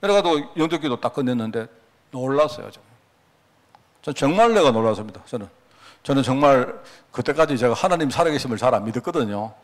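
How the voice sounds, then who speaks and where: Male pastor, sermon, animated storyteller who acts out quotes, very expressive. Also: mid-range voice, quick pace.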